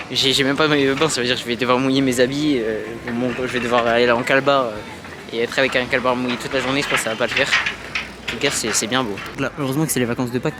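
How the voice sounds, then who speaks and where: A man's voice: medium pitch, background noise. A young man chatting casually and informally in slang as a travel vlogger. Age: young adult. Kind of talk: casual travel vlog chat. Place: mostly outdoors at a seaside city, later inside an apartment.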